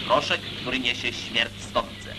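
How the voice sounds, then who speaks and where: A man's voice: medium pitch, takes it slowly, rough recording. Man narrating an old newsreel over music. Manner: declamatory, emphatic propaganda delivery.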